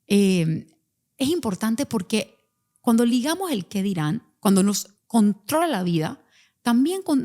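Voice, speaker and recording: A woman telling a personal parenting story in an animated monologue, acting out the voices of the people she quotes. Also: mid-range voice. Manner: animated, acts out quoted voices, mixes in English words.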